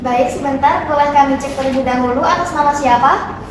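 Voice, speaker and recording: Echoey, high-pitched female customer service receptionist, acted by a woman. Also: fairly quick, lightly acted. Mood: polite. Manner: formal, polite customer service voice with scripted courtesies. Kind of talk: amateur role-play of customer service calls. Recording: very echoey, distant, noisy room.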